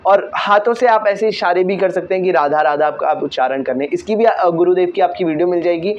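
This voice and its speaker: Teen guy answering viewer questions, high voice, kinda muffled lo-fi audio, earnest. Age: teens. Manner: earnest, repeats "theek hai" often. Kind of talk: casual Q&A talk.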